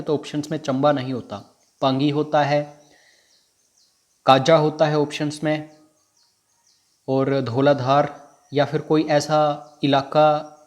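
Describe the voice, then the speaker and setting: In an exam prep lesson, a man with a fairly high, slightly mellow voice keeps drilling which facts students must memorize.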